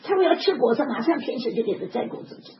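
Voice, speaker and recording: Older woman, sermon, emphatic, lively pitch, dull lo-fi sound. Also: quick pace. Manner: animated, emphatic, with chuckles. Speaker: preacher. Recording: dull lo-fi recording with background noise.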